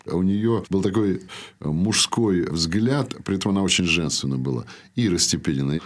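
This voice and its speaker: An older man with a very deep voice tells stories from his past as an interview guest. His delivery is lively and anecdotal, carried by a well-trained stage voice. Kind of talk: conversational storytelling.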